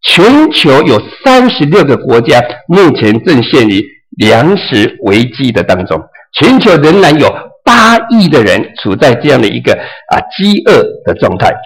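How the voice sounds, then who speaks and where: A man preaching a sermon in a lively style, acting out the lines of a parable. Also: mid-range voice, a little slow, slightly rough, low-quality recording. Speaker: pastor.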